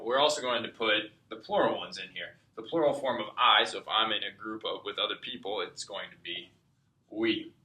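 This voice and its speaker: A man's voice: lowish voice, sharp tone. A man teaching a step-by-step language lesson, patiently explaining and checking in with "okay?" as he goes. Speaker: Spanish tutor. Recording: echoey room.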